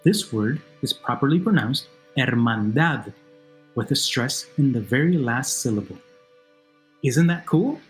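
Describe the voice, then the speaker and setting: Male language teacher, lively pitch, patient question-and-answer narration, soft music bed. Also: moderate pace. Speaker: Spanish teacher. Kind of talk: narrated video lesson.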